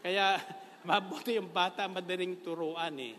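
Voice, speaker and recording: A man's voice: high-pitched, fairly even intonation, measured pace, fairly bright tone, long reverb tail, a little hiss or hum. A Filipino-accented man preaching a sermon in a jokey way, laughing often and slipping English phrases in.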